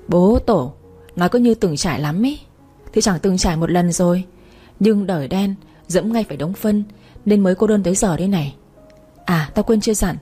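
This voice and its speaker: A woman's voice: mid-range voice, warm tone, breathy edge. A woman voicing a crude, bossy young woman friend in a storybook reading.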